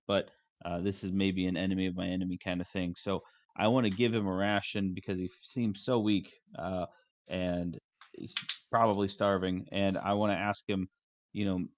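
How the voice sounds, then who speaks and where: A man's voice: low-pitched, dry recording, highs cut off. A man playing a tabletop game, talking in an easygoing, joking way. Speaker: player. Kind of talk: casual tabletop game chat.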